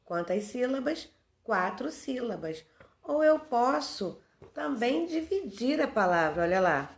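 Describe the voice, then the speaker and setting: Slow, patient Brazilian teacher woman. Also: on the high side, big pitch swings, a little hiss or hum. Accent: Brazilian Portuguese. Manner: patient, asks questions and answers them herself. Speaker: primary school teacher. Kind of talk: recorded review lesson for young children. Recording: echoey room.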